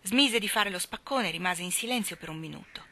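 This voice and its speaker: A woman reading a literary story aloud in a calm, measured, expressive way. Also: medium pitch. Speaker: reader.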